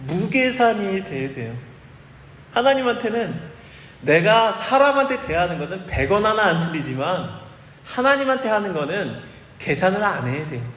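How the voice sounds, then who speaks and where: A male preacher with a high, lively voice that leaps up and down as he acts out the people in his story. He is heard delivering a sermon live in a church sanctuary. The sound rings with long reverb and a faint hiss behind it. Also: normal speed. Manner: animated, acts out quoted dialogue. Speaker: pastor. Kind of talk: expository sermon. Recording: echoey hall, live church recording.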